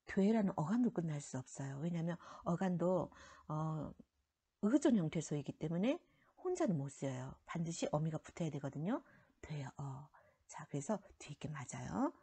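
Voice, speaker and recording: In a recorded lecture, a woman explains middle school grammar rules one step at a time. Her voice is low, dark and husky, and she sometimes lets the ends of phrases fade to almost a whisper.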